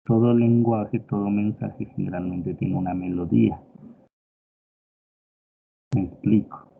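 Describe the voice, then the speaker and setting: A man's voice: on the low side, little pitch movement, measured pace, vocal fry. A man from Pasto with a Pasto Colombian Spanish accent, giving a lecture and explaining with everyday examples, often checking in with his listeners. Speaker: teacher. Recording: tinny phone-like audio with faint noise.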